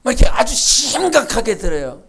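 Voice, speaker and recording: A woman pastor preaching a sermon in a church, with emphatic bursts, quiet asides and acted-out quotes. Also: on the high side, very animated, fairly quick, vocal fry, breathy edge. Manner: acts out quoted speech and imitates sounds. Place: church sanctuary.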